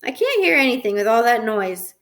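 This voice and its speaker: A woman voicing an upset schoolboy who pleads and yells at his little brother. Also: fairly high pitch, very animated, a little fast. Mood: angry. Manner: pleading then yelling, worked up. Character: upset schoolboy, big brother, about nine.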